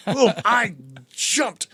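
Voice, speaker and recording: A man, a former radio DJ, telling stories in an interview, animated and laughing often, putting on voices for the people in his anecdotes. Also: high-pitched, drawn-out words. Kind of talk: storytelling interview. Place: radio studio.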